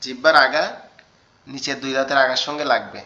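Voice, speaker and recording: Bright-voiced man teaching Arabic letters online. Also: medium pitch, brisk. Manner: patient, repeats sounds and asks the class questions. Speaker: Quran teacher. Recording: dull online call audio.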